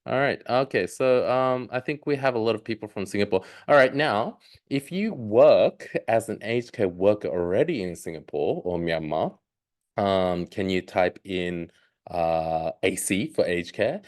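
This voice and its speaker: A man's voice: lowish voice, expressive, a little slow. A man in his thirties, raised in Australia, giving a live online presentation with many ums and uhs. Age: 30s. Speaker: webinar presenter.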